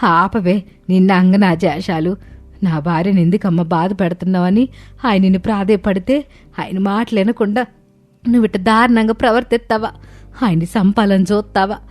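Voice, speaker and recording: A woman voicing a scheming, loud, accusing middle-aged village mother-in-law. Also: medium pitch, steady tone, normal speed, soft background music, close to an everyday voice.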